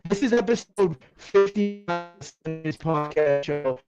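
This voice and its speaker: A man's voice: on the high side, lively intonation, slow, over music. A man hosting a casual podcast over the internet, his voice glitching and choppy like a robot from a bad connection. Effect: glitchy, choppy robotic sound from a bad internet connection. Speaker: podcast host. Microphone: remote call over the internet. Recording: dull lo-fi online call audio.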